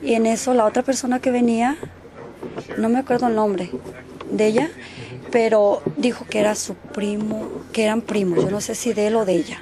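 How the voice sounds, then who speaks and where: A woman's voice: a little high, steady tone, normal speed. A woman, a mother and neighbor, telling an interviewer what happened in a rambling way, acting out what people said and slipping English words into her speech. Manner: mixes English words into Spanish. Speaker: neighbor giving a witness account. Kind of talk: casual spoken account, interviewed.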